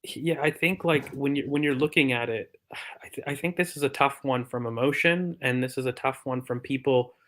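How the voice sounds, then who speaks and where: A man's voice: medium pitch, normal speed, a bit bright. A man co-hosting a casual football chat, thinking aloud with many fillers and explaining injuries from a physio's view. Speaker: podcast co-host.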